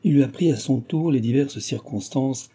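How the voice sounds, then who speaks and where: A man narrating a classic novel as an audiobook, with a very dark, mellow tone and a husky grain to his voice. His reading is measured and steady, rising for the characters' lines. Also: medium pitch. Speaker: audiobook reader.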